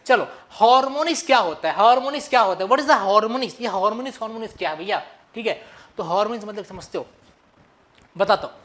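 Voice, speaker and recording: This young physics teacher has a high, bright, forceful voice. During a playful revision lecture he calls his students buddy and kids and frequently answers his own questions to them.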